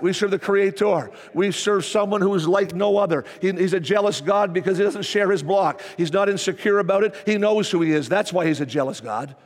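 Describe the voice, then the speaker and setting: A man preaching a sermon as pastor, repeating his phrases with emphasis. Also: sits high. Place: church sanctuary. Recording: reverberant church hall.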